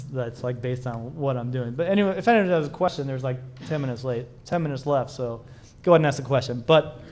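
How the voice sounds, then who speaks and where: Man speaker at a small conference, slightly high voice, loose rambling delivery full of restarts. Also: darkish tone. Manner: rambling, many restarts and fillers. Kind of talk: casual conference talk and Q&A.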